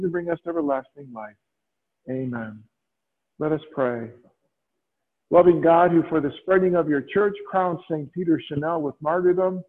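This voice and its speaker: A fairly high-voiced man leads Mass, reciting prayers and scripture in a slow, solemn cadence. The sound is thin and tinny like a radio broadcast, with a long church reverb trailing each phrase. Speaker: priest leading Mass. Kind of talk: liturgical prayers and scripture reading.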